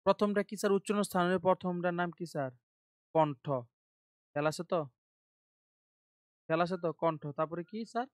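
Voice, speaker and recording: A man's voice: sits high, steady tone, brisk, pauses often, clear, resonant tone, no echo, clean studio sound. A man tutoring an online grammar class. He quizzes listeners, answers his own questions, and drills terms and letters one by one. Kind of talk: online admission-prep class.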